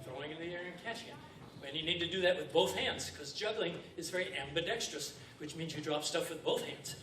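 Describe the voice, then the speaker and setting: A man's voice: on the high side, fairly quick, fairly bright tone. A man performing live comedy juggling and magic on stage, with the playful, feignedly befuddled patter of a kids party magician, in a noisy, echoey recording from far off. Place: stage before a live audience.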